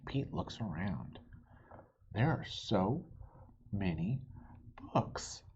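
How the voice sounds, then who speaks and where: A woman's voice: a bass voice, sing-song, extremely slow, a little mellow. A woman reading a children's picture book aloud, expressively, with friendly asides straight to young listeners. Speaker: read-aloud storybook reader and host. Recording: dull lo-fi sound with faint noise.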